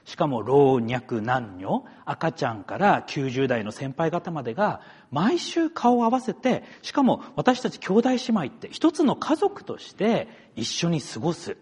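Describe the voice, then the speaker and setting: A man's voice: a little high, very animated, measured pace, hardly any pauses, a little mellow, husky, in a large hall. A middle-aged man from Akita, a pastor giving a chatty sermon, talking straight to the congregation. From Akita, Japan. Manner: chatty, story-telling asides that address the congregation. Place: church sanctuary.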